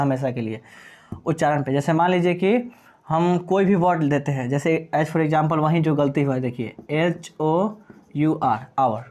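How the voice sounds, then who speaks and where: A man's voice: a little high, darkish tone. Hindi-accented male teacher quizzing his class. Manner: asks questions and answers them himself; spells out letters slowly. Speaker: English teacher. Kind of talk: classroom-style lecture.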